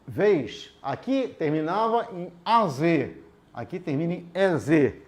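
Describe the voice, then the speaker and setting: A man's voice: fairly high pitch, animated. A man teaching an adult literacy lesson at a board, explaining patiently and checking in with the class. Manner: patient, explains slowly with checks like "tudo bem?".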